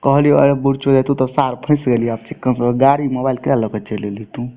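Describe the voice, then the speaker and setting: A man from Mithila with a Bihari accent holds a casual phone conversation full of coarse swearing, captured through a telephone with tinny, narrowband quality. He speaks fairly quickly at medium pitch in a steady tone.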